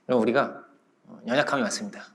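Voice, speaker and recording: A man's voice: medium pitch, fast talker, fairly bright tone. A middle-aged male pastor preaching a sermon, telling a story vividly with sound words and laughs.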